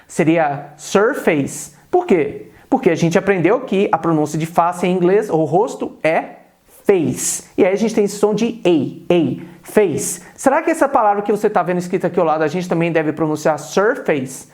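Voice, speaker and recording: Um professor de inglês do Brasil, homem jovem com sotaque brasileiro, fala numa entonação bem viva que sobe e desce. Ele conduz uma aula em vídeo e repete os exemplos com calma e cuidado. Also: male voice, high-pitched. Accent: Brazilian Portuguese. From Brazil. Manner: repeats example words slowly and deliberately. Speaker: English teacher. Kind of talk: video lesson on English pronunciation.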